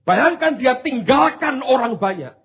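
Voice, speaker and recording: A man preaching a sermon, swinging from hushed asides to loud exclamations, with casual slang jokes. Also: very high voice, very animated, measured pace, slightly rough. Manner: drops into casual Javanese-flavoured slang for humour. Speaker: pastor. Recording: tinny phone-like sound.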